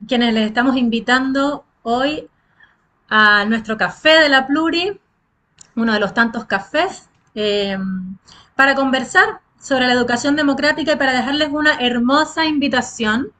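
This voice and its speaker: A woman's voice: a little high, a bit bright. A woman from Cuba, co-moderating an online talk over a video call, speaking in a chatty way with many fillers. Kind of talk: casual online welcome.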